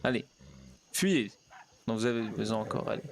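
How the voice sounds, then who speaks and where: A man's voice: lowish voice, expressive, moderate pace, vocal fry, slight background noise. A man role-playing a naive pastor in a game, chatting to himself and coaxing his horse. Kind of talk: in-character role-play narration.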